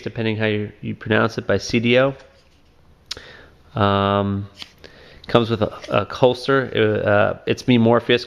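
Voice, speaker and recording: A man talks through a casual phone case review, stopping and restarting with lots of ums. His voice sits low with a gravelly fry. The recording sounds dull and lo-fi, like an old home video. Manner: halting, many ums and restarts. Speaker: product reviewer.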